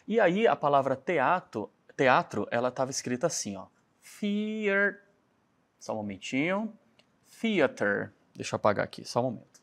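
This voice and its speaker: Animated Brazilian Portuguese man teaching. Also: medium pitch, fast talker, vocal fry, hardly any pauses. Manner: chatty, animated, keeps checking in with "né?". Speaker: English teacher. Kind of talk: lively classroom lesson.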